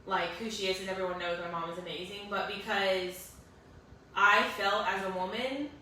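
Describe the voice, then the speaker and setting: A woman's voice: medium pitch, steady tone, moderate pace, bright, forceful tone. Earnest young woman, echoey room. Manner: earnest, emotional, many fillers. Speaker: guest sharing her story. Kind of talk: emotional personal storytelling. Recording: echoey room, distant mic, faint hiss.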